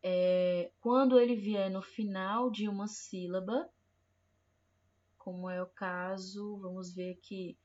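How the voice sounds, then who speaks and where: A woman's voice: mid-range voice, highs cut off. A woman teaching an online primary school Portuguese lesson, patiently reading example words and checking that the children follow. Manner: slow, patient, repeats words and checks with "certo?". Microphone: computer mic, online class.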